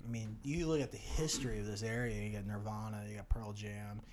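A man's voice: lowish voice, steady tone, darkish tone. Joking man hosting a podcast. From Pacific Northwest of the US. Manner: joking, teasing, quick to laugh. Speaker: podcast host. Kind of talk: casual chat.

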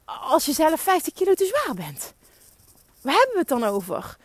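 A woman's voice: high-pitched, huge pitch swings, moderate pace, no echo. A young woman giving an emphatic, urging motivational monologue as a podcast host, swearing for emphasis. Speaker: podcast host and business coach.

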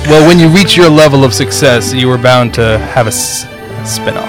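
Male guest, earnest, mid pitch, explains with fillers. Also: moderate pace, over music. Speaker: podcast guest. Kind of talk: casual chat. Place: studio.

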